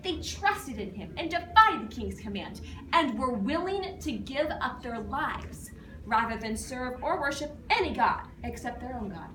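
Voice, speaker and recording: A proud and wrathful ancient king voiced by a woman declaims on stage with commanding emphasis. The pitch sits fairly high and swings widely, heard from a distance in a noisy room. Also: expressive, a bit bright, echoey room. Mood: awed, decreeing. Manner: dramatic, declamatory, emphatic slow phrasing.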